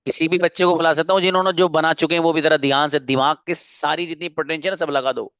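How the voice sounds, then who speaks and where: A man's voice: fairly high pitch, steady tone, quick pace, a bit bright, clear, resonant tone, dry recording. Earnest male online teacher, coaxing and repetitive, close and dry. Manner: coaxing, earnest, repeats himself. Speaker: English teacher. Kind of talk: online spoken English class.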